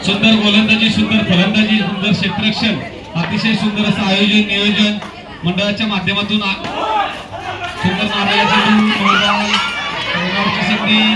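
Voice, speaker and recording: A man calling out runs and no-balls as a match announcer at an outdoor cricket ground, his voice carried over a PA loudspeaker. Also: high-pitched, little pitch movement, normal speed. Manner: loud, calls out runs and no-balls. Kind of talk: live cricket commentary. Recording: echoey loudspeaker from far off, loud crowd and noise.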